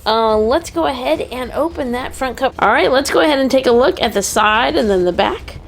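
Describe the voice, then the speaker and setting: High, animated, and a little fast, a woman co-hosts a toy unboxing show and points out details with chatty enthusiasm. The talk is a relaxed product show-and-tell, and faint background noise is present.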